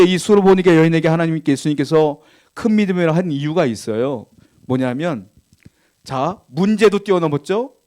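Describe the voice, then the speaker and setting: Pastor preaching with loud and quiet swings. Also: male voice, a little high. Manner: swings between loud emphatic lines and quiet dropped asides; asks the congregation questions and reads scripture aloud. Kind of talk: sermon. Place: church.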